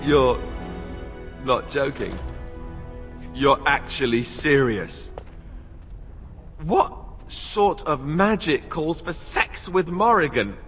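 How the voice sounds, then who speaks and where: A man's voice: fairly high pitch, expressive, slow, pauses often, a bit bright, faint music behind, full character voice. An actor playing a boyish, sarcastic young king-to-be in a fantasy game, joking and exasperated, in a reverberant space. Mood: stunned, disbelieving. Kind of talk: dramatic fantasy game dialogue. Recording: long reverberant hall echo.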